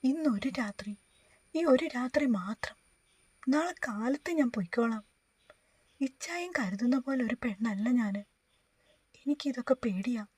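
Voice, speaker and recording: A woman's voice: on the high side, measured pace, pauses often, slightly rough, dry recording. A woman reading as a timid, frightened young woman. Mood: pleading. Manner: soft, pleading.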